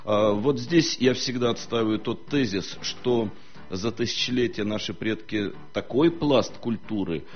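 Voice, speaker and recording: With a lowish voice, a historian guest on a studio talk show lectures at a measured pace, often hesitating. The highs are cut off, and faint music plays behind him.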